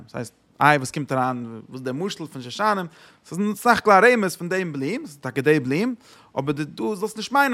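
A man teaches religious texts in a slightly raised, gravelly voice. He often searches for words and restarts phrases, and his voice leaps upward whenever he stresses a point. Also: fairly high pitch, bright, forceful tone.

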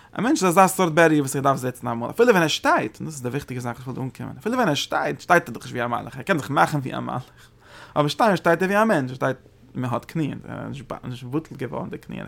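Gravelly-voiced man teaching a religious text. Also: mid-range voice, lively intonation, fairly bright tone. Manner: halting, repeats words and restarts phrases; sudden emphatic rises when stressing a point. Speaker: Torah teacher. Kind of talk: religious study lecture.

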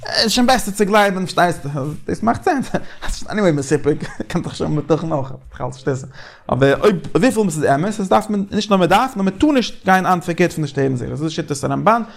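A man leading a casual Talmudic study discussion, animated and repeating phrases as he thinks aloud. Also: sits high, racing, vocal fry.

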